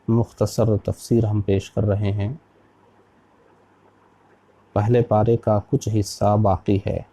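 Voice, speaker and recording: An Islamic scholar from India gives a slow, deliberate lesson on Quran recitation, spelling out letters one at a time. His voice is on the low side, creaky and dark.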